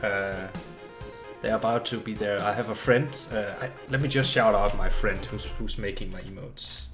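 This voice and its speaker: Game music runs behind a Danish man, a native speaker, who chats casually and politely during a gaming live stream and frequently restarts what he's saying. His voice is on the low side, slightly bright, with fairly even intonation and normal speed.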